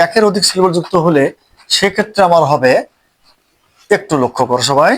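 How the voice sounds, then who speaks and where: A man teaching an English grammar lesson, speaking slowly and repeating each word as he writes it out. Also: a little high, expressive. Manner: slow, repeats each word while writing it out.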